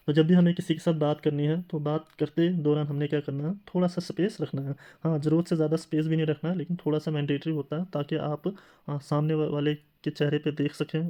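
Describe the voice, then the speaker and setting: A man's voice: a little high, warm tone. Man lecturing with rhetorical questions. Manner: explains with rhetorical questions and fillers. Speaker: teacher. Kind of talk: classroom lecture.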